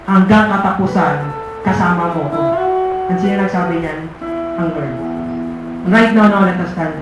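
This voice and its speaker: A man's voice: sits high, moderate pace, lo-fi sound. A man preaching a sermon to a youth fellowship. He mixes Tagalog and English and keeps asking the crowd "diba?". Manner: switches between Tagalog and English, asks the crowd "diba?" again and again. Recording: echoey hall with guitar music behind.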